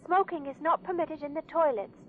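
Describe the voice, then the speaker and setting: A woman's voice: high voice, a little fast. A woman making polite, formal cabin announcements over a plane's intercom. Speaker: flight attendant. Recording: tinny intercom with faint noise.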